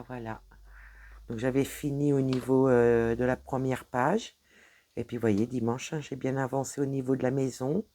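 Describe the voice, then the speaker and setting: This casual vlog features a woman with a French accent displaying her cross-stitch work from her home desk, her talk rambling and full of stumbles. She has a dark bass voice, and a little hiss or hum can be heard.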